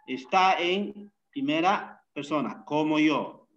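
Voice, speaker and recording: A man teaching a Bible Hebrew class, unhurried, often pausing with fillers and checking in with tag questions. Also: fairly high pitch, a bit bright, dull audio, slight background noise. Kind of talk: classroom lecture.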